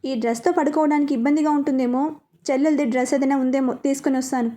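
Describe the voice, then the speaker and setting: Woman doing a calm young guy, soft firm coaxing, high mellow voice. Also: fast talker, natural voice. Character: calm, gently teasing young man, a doctor.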